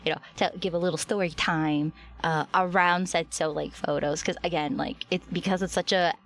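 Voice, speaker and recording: A woman's voice: on the low side, steady tone, moderate pace. A woman livestreamer chatting casually and affectionately with her viewers, her voice slightly strained and recovering.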